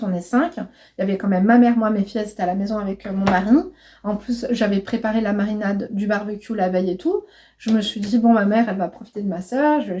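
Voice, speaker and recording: Chatty woman vlogger with a dark, mellow voice. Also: medium pitch, a little hiss or hum. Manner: chatty, frank, swears casually, addresses viewers as "mes crèmes". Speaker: lifestyle vlogger and coach. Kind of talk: casual chat to camera.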